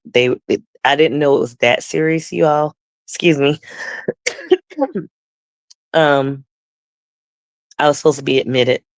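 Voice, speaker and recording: A woman's voice: extremely low pitch, gravelly, no room sound. A woman guest telling her personal testimony conversationally, acting out the dialogue she quotes.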